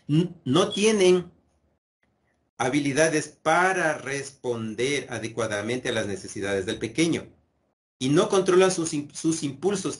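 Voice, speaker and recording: A man giving a video lesson on mental health, earnest and explanatory, with frequent pauses and self-corrections as he works through his points. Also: medium pitch.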